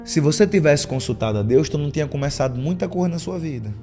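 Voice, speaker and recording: A man's voice: on the high side, lively intonation, fast talker, dark tone, faint music behind. A man preaching a sermon as a pastor, telling stories and acting out the lines of church members. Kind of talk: sermon with storytelling.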